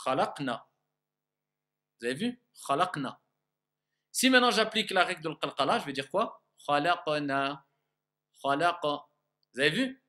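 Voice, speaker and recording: A man teaching a recitation lesson, his voice fairly high and bright, with a clear, forward ring. He explains patiently, sounds out each example himself and keeps checking that his class follows. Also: lively intonation, a little fast. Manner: patient, checks understanding often, demonstrates sounds aloud.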